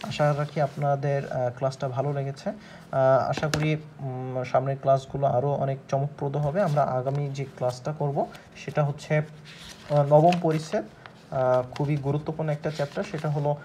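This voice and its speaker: A man teaching a grammar lesson, explaining slowly with many pauses and fillers. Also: mid-range voice, little pitch movement, warm tone, a little hiss or hum.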